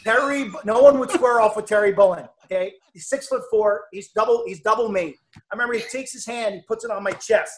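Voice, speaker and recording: An American man, a former player, telling a self-mocking sports story with animated energy. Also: sits high, brisk, a little hiss or hum. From United States. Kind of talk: storytelling on a podcast.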